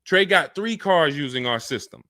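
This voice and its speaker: A man hosting a live car-buying Q&A stream, talking fast and energetic and acting out buyers and salesmen in quick asides. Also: a little high, dry recording, studio quality. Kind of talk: live-stream Q&A, casual and animated.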